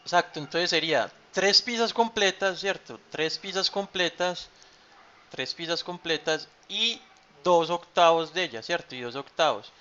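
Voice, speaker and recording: Bright-voiced man teaching math. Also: fairly high pitch, a little slow. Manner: patient, repeats key terms with frequent ¿cierto?. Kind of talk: online math class. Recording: dull lo-fi sound.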